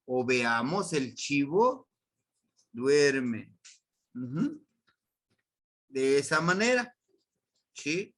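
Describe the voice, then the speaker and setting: A man's voice: mid-range voice, big pitch swings, very slow, long pauses, a bit bright. A man with a Mexican accent teaching a grammar lesson to a class, patiently repeating words and quizzing his students. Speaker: language teacher.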